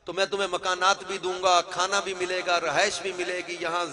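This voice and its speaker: High-voiced Pakistani preacher telling a story. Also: male voice, little pitch movement. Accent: Pakistani Urdu. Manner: dramatic, building to loud emotional peaks. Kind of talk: sermon storytelling. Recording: live crowd audible behind. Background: crowd.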